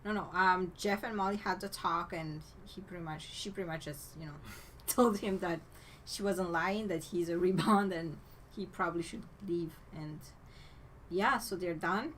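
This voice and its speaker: A woman's voice: lowish voice, moderate pace, a bit bright, a little hiss or hum. A woman co-hosting a podcast, casually retelling a movie plot and chaining events with "and then.". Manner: chatty storytelling, strings clauses with "and then". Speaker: podcast co-host. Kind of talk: casual movie recap chat.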